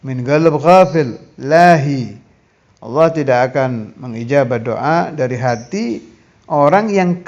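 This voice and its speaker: A man's voice: a little high, darkish tone. Male preacher, emphatic teaching tone, lo-fi muffled sound. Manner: earnest, emphatic, with Arabic recitations. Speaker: Islamic preacher. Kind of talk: sermon teaching.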